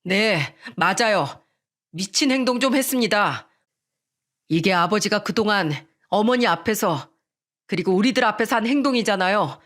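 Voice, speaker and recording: A woman reading a grown son standing up to his father, firm and measured. Reproachful and unhurried, an everyday middle pitch in a storybook radio drama. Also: expressive, a bit bright, natural voice.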